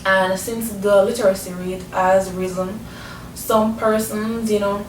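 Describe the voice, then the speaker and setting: A woman's voice: level tone, measured pace. A woman from Jamaica with a Jamaican accent, giving an explanatory educational talk as a presenter. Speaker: presenter explaining language and culture. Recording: roomy echo, distant mic, faint rumbling noise.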